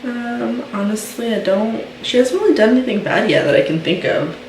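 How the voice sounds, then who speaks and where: A woman's voice: on the high side, animated, moderate pace, a little mellow, slight background noise. A young woman talking casually as a mom vlogger, chatty and filling her talk with "um" and "like". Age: young adult. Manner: chatty, many fillers and "like". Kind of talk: casual chat. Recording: roomy sound from a distance.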